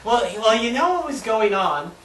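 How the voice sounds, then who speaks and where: A man with a bright, slightly high voice throws quick quips into a casual comedy chat. He sounds distant from the mic. A faint hiss sits under the room echo. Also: lively intonation. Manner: quick quips, laughs often. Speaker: co-host.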